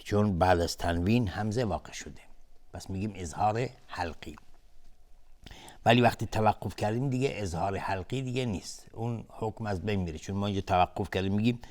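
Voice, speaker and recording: A man teaching Quran recitation in a televised lesson, explaining patiently step by step and slowly drawing out recited examples. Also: fairly low pitch.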